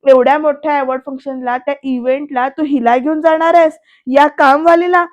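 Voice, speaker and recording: A woman's voice: high-pitched, fairly even intonation, fairly quick, highs cut off, close to an everyday voice. A woman reading out the scornful, disapproving lines of a man's elder sister in a recap of a TV serial.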